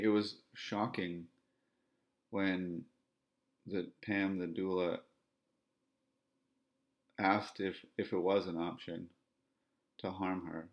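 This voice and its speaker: With a voice that sits low, this Ontario host talks on his own through a podcast episode. His self-described monotone keeps things flat, measured and repetitive, and the recording sounds muffled.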